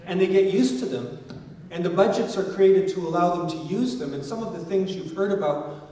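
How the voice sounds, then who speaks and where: A man's voice: high voice, brisk, mellow. Man speaking in an echoey hall. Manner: earnest, emphatic, with repeated restarts. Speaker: panelist at a public consultation. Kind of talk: public forum speech. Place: large church hall. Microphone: stand mic, filmed by a far camera. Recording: echoey hall, voice picked up from far off, faint noise.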